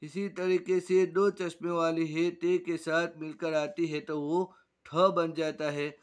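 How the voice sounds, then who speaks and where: A man teaching an Urdu reading primer, slowly repeating each word to drill it. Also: fairly high pitch, flat delivery. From Gujarat, India.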